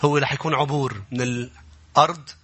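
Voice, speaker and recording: A man preaching a sermon, building to impassioned, shouting passages as he retells scripture. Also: mid-range voice, fairly even intonation, brisk, breathy edge.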